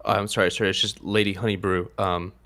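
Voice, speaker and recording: A man's voice: deep voice, little pitch movement, brisk, bright, forceful tone. A man voicing an adventurer who poses as a guard, apologetic and hesitant. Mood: deferential. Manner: apologetic, deferential, hesitant fillers. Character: male adventurer posing as a deferential guard.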